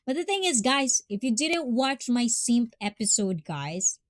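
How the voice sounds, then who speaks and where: A livestream host with a Filipino accent chats with her viewers, thanking them and offering heartfelt advice. Her fairly high voice is very animated, and she speaks slowly and unhurriedly with frequent laughter. The audio is dry and close, with almost no room echo.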